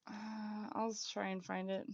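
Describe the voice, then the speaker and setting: A woman's voice: mid-range voice, unhurried, vocal fry, no echo. Woman, game master, hesitant, dull dry mic. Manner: relaxed, hesitant with fillers. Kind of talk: running a tabletop game over a call.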